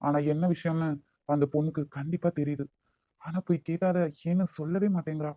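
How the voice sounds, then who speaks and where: A man's voice: steady tone, fairly quick, warm tone, natural voice. A man voicing a troubled, blunt young cartoon man. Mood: despairing. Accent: Nagercoil Tamil. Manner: blunt, stern, then low and despairing. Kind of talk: cartoon voice acting.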